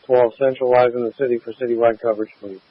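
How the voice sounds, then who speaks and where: A man's voice: mid-range voice, level tone, fast, slightly rough. A man working as a fire alarm dispatcher, giving clipped, procedural read-backs and assignments over a radio channel. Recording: tinny, phone-like radio channel.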